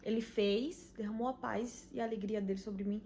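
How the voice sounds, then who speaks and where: Earnest Brazilian woman, fairly high voice. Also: fairly even intonation, warm tone. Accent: Brazilian Portuguese. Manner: earnest, emotional, many pauses and "sabe?" tags. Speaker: channel host giving a faith testimony. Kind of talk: personal testimony vlog.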